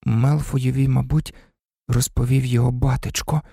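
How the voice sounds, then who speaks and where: A man's voice: mid-range voice, steady tone, normal speed, vocal fry, dark tone, husky, no room sound, studio quality. A man voicing a stubborn, bitter teenage boy who talks grimly. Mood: brooding. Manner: stubborn, grim.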